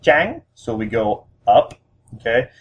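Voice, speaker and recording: A man's voice: medium pitch, normal speed, darkish tone, highs cut off, slight background noise. A man giving a recorded spoken language lesson, explaining step by step with many ums and restarts. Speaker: language teacher.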